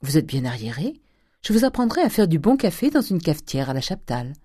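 A reader voicing a lively, worldly young man from the city in an audiobook. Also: mid-range voice, a little fast, breathy edge, dry recording, clean studio sound.

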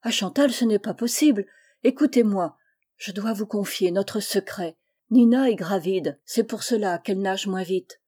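A woman's voice: medium pitch, moderate pace, warm tone, husky, close to an everyday voice. A woman voicing a small, brave male mouse in love and soon to be a father, earnest and insistent.

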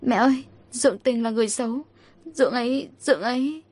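A woman's voice: on the high side, a little fast, a little mellow, no room sound, pitched above the performer's own voice, close to an everyday voice. A woman doing a frightened pleading girl. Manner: pleading, tearful, hesitant. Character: frightened young daughter pleading.

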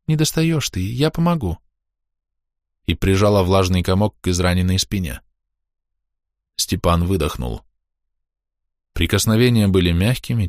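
A man narrating a dark story in a measured, tense reading voice. His voice sits on the low side and is recorded dry and close, with no room around it. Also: no echo. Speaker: audiobook narrator. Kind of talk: dramatic audiobook reading.

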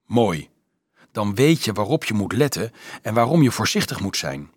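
A man voicing a worldly young male student who speaks softly and wryly, in a husky voice. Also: fairly low pitch, very animated, moderate pace, no echo, clean studio sound. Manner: soft-spoken, wry, mildly lecturing.

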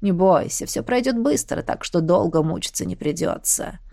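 Woman voicing a gravelly, gloating mad queen. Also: fairly low pitch, animated, warm tone, no room sound, clean studio sound, voice pushed down. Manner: taunting, slow and relishing her words. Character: mad, gloating villainous queen, cruel and proud. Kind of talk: audiobook character voice.

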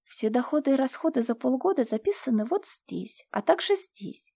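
A woman's voice: a little high, lively intonation, a little fast, warm tone, no room sound, clean studio sound. Woman reading a cool, firm young noblewoman. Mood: composed. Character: calm, firm young noblewoman managing an estate.

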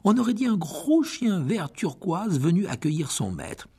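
A man's voice: sits high, sing-song, unhurried, darkish tone, husky. A man narrating a fantasy audiobook dramatically, often dropping to a whisper. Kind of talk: expressive audiobook reading.

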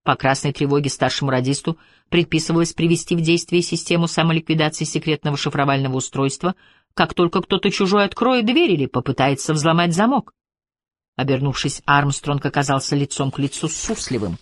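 A man's voice: a little high, a little fast, dry recording. Man reading a novel aloud. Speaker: audiobook reader. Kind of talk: scripted narration.

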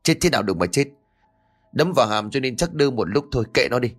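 A man's voice: mid-range voice, expressive, quick pace, slightly rough, soft background music. A man voicing a hot-tempered young man who snaps harshly at his friend in a horror audiobook. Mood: angry. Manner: harsh, snapping.

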